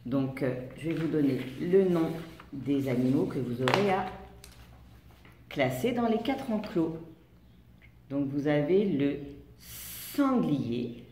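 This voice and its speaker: A woman teacher giving a lesson to young children, talking slowly in a sing-song way and stretching out sounds. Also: deep voice, lively intonation, warm tone, echoey room, far from the mic, slight background noise.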